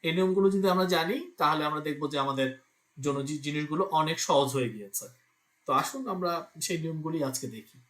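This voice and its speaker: Speaking quickly in a fairly high, slightly bright voice, a man gives a language lesson on Italian pronunciation in Bengali. He patiently spells out letters and example words one at a time, and the sound is reverberant.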